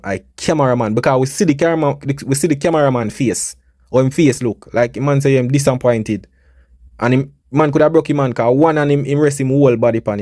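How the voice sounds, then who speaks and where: A man's voice: medium pitch, mellow, no echo, clean studio sound. A man with a Jamaican accent giving casual, emphatic commentary on entertainment news and speaking straight to his viewers. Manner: conversational, emphatic, addresses viewers directly.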